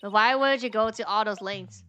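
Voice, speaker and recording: An earnest young defense lawyer from a video game, read out by a woman. The voice is bright and questioning, over faint music. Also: mid-range voice, normal speed, highs cut off, lightly acted. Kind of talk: reading game dialogue aloud.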